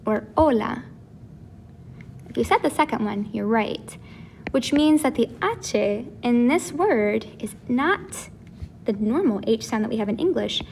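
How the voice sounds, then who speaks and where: A woman teaching a casual video lesson, who explains slowly and repeats each sound. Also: sits high, creaky, slight background noise. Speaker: Spanish teacher.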